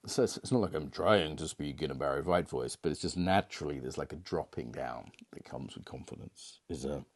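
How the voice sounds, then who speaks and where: In a very deep voice and a brisk delivery, a middle-aged confidence coach speaks casually to camera. The monologue is rambling and reflective, packed with fillers and restarts.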